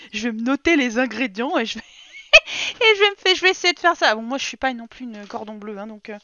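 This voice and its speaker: A woman's voice: fairly high pitch, expressive, moderate pace, pauses often, bright, forceful tone, dry recording, dull audio. A young woman casually commenting while she streams a life-sim game, chatty and scolding her game characters in mock outrage.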